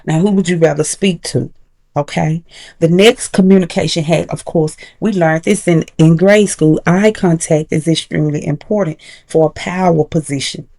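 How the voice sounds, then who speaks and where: A woman teaching confidence habits in a casual, encouraging way, slowing down to stress key points. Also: deep voice, vocal fry, warm tone. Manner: casual, encouraging, slows down for emphasis. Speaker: confidence coach. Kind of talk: motivational tutorial.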